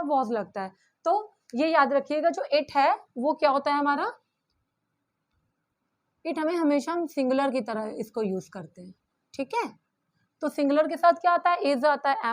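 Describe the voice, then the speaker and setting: A young Indian woman with a high voice and an Indian accent teaches English grammar. She explains patiently, reads each example sentence slowly and deliberately, and keeps checking in with her students. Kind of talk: spoken grammar lesson.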